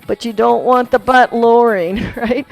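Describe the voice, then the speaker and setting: A woman's voice: a little high, fairly even intonation, normal speed, gravelly, a little mellow, low-quality recording. A woman fitness instructor leading a core workout class, chatty and encouraging and laughing often, demonstrating moves as she talks. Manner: demonstrating moves while talking. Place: fitness studio. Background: background workout music.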